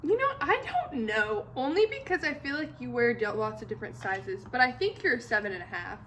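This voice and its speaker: A woman's voice: fairly high pitch, lively intonation, brisk, fairly bright tone. A young adult woman in a casual chat, answering in short slangy phrases. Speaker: vlogger in a food Q&A video with a friend. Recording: clear background noise.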